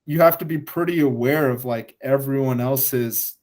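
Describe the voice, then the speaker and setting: Podcast host, "you know"-heavy. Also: male voice, medium pitch, normal speed, a little mellow. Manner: leans heavily on "you know". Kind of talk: casual interview.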